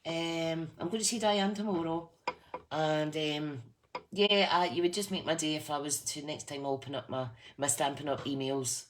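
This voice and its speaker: A woman's voice: low-pitched, fairly even intonation, moderate pace. A woman from the west of Scotland with a Fife accent, chatting casually and informally to viewers as a craft demonstrator and team leader. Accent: Fife, Scottish. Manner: chatty, informal, addresses listeners as guys. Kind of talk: casual live chat to viewers. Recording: clearly noisy room recording.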